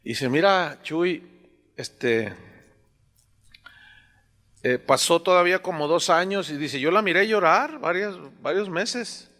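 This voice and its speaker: A man's voice: high voice, lively intonation, slow, long pauses, pushed and bright, big-room sound. A man preaching a sermon as a pastor, conversational with fillers and rising emphasis on scripture.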